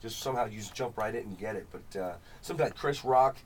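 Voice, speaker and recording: A male comedian, a guest on a radio interview, talking casually in a halting, stammering, jokey way. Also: fairly low pitch, recorded from a distance, slight background noise. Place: radio studio.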